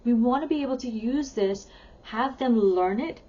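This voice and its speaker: A woman's voice: a little high, moderate pace, warm tone, muffled recording, a little hiss or hum. A woman who is a parenting educator, talking in a chatty, upbeat way and stressing key words as she teaches. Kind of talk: talking-head teaching video.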